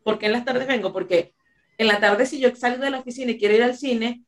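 A young woman co-hosting a podcast, telling an animated anecdote about work. She breaks into laughter mid-story and keeps the tone light and chatty. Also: fairly high pitch, quick pace. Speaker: podcast co-host. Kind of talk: casual chat.

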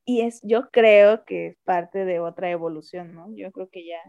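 Mexican woman telling her story, candid and reflective, warm mellow voice, dull dry lo-fi sound. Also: mid-range voice, unhurried, vocal fry, clear, resonant tone, no echo. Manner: candid, reflective, repeats phrases for emphasis. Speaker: interview guest. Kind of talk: personal storytelling.

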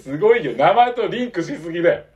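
A man's voice: sits high, lively intonation, quick pace, dull audio, crowd noise. A man in casual chat, reacting to a friend's story and teasing him. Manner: reactive, teasing listener who laughs and jokes.

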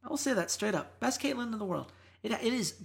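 A woman's voice: on the high side, lively intonation, quick pace, gravelly. A woman co-hosting an esports podcast, talking through matches in casual analysis with emphatic, exasperated rants.

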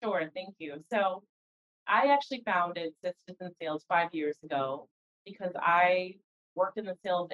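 A woman's voice: fairly low pitch, fairly bright tone. A woman answering interview questions as a guest in a conversational way, recorded with dull, lo-fi call audio. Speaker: interview guest, organization founder.

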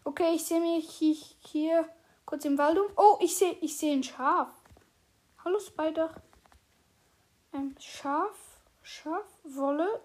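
A woman casually chatting while playing a survival game, excitedly narrating everything she does. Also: sits high. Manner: excitable, narrates her own moves aloud. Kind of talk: casual gameplay chat.

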